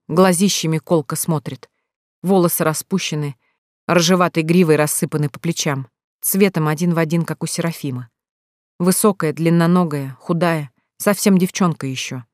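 An audiobook narrator reading a novel in an even, measured storytelling voice. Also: mid-range voice, dry recording, studio quality. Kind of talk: scripted narration.

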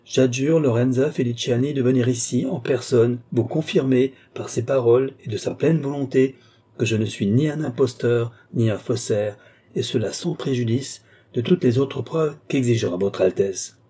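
A man voicing a phlegmatic, domineering count who gives calm orders, read in an audiobook. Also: medium pitch, normal speed, slightly rough, pitched above the performer's own voice, lightly acted. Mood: cool commanding. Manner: phlegmatic, commanding. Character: cool, domineering male count, mesmerist. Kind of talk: audiobook character reading.

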